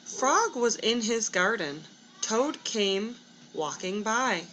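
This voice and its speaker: A woman's voice: fairly high pitch, animated, slow, fairly bright tone, slight background noise, rough recording. A woman teacher giving a read-aloud lesson for children, moving between story narration and instruction. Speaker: elementary school teacher.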